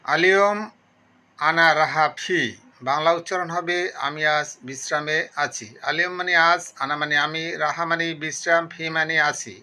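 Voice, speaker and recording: Bright-voiced man teaching phrases. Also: a little high, fairly even intonation, normal speed. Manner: methodical, breaks each phrase into single words and repeats the meaning. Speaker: language teacher. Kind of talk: phrase-by-phrase language lesson.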